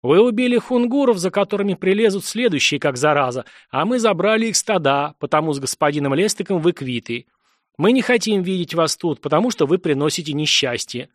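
A man voicing a furious male gate official who shouts contemptuously at unwanted outcasts. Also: fairly high pitch, expressive, fairly quick, no echo, clean studio sound, pitched above the performer's own voice, natural voice.

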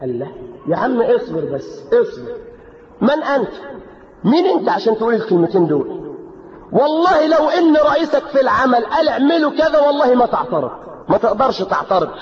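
An Egyptian man delivers a fiery sermon, mocking excuses and rising to shouts. His voice sits high and the words pour out fast. The recording is muffled lo-fi tape with a long, echoing hall reverb. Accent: Egyptian Arabic. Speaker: preacher. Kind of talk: Friday sermon.

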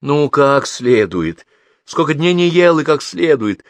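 A man voicing an older, kindly but fretful canteen woman who fusses with shrill exclamations. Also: expressive, moderate pace, no room sound. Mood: probing.

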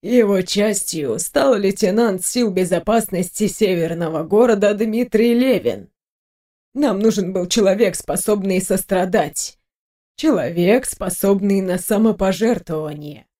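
A woman's voice: medium pitch, a little slow, dark tone, close to an everyday voice. A woman reading an audiobook, voicing a detached, formal recorded lab report. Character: cold official lab report voice.

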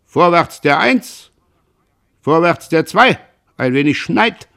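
A man reading aloud and voicing an older father who shouts rowing commands from the stern of a boat. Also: on the high side, lively intonation, takes it slowly, gravelly, pitched above the performer's own voice, heavily acted. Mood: shouting commands. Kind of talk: literary reading.

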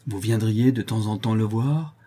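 A man voicing a gentle, kind young girl who speaks softly and consolingly. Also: on the low side, normal speed, breathy edge. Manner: soft, consoling.

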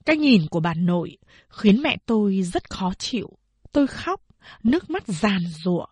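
A woman narrating a novel as an audiobook, slow and measured. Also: medium pitch, big pitch swings, a little mellow, slightly rough, no room sound.

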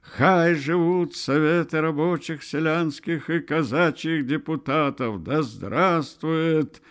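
A male reader doing a street orator at a rally, raising his voice a little above his usual tone. He stretches each slogan out slowly and emphatically, as if addressing a big crowd. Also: on the high side, expressive, voice pushed up. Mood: rousing. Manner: declaiming slogans loudly, drawn out.

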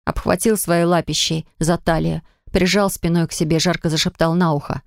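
Female audiobook narrator, somewhat low voice, expressive, dry studio mic. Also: moderate pace, vocal fry, dry recording. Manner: expressive, rising high and loud in the heroine's angry lines.

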